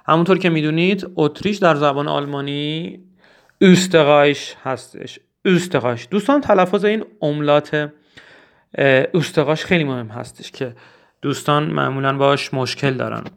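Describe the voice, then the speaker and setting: A man teaching German in Persian who says German phrases slowly and then explains them. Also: on the high side, gravelly, a bit bright. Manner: earnest, urges memorizing phrases. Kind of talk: spoken language lesson.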